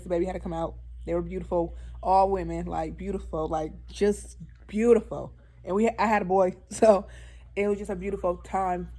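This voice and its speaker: A woman's voice: mid-range voice, darkish tone. A young woman YouTuber telling a candid birth story in a casual storytime vlog, talking straight to her viewers. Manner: chatty, candid, addresses viewers as y'all.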